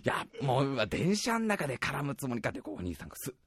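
A man hosting a show, telling a comic story in an animated, self-mocking way and often laughing as he talks. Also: medium pitch, fast talker.

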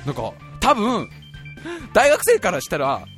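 A young man in his twenties with a high, bright voice, hosting his own show with a comic monologue. He tells the story in an animated, self-mocking, exaggerated way, and his pitch leaps around constantly. Faint music plays underneath. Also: unhurried. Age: 20s. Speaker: radio show host.

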